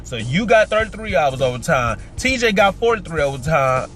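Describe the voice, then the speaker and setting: A man voicing his nagging male supervisor in a storytime, lecturing and insistent, a little lower than his own voice. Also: very animated, normal speed, fairly bright tone, soft background music.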